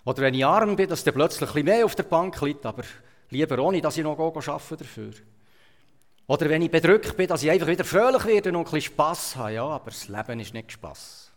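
This Swiss man, speaking with a Swiss German accent, delivers a storytelling sermon that alternates between loud emphasis and hushed asides. He talks fast, with a slightly high voice and lively intonation, and the sound echoes as in a reverberant hall.

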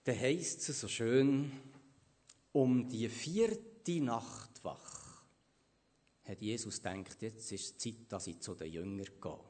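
A man with a Swiss accent preaching a sermon, swinging from loud to hushed and putting questions to the congregation. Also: on the low side, slow pace.

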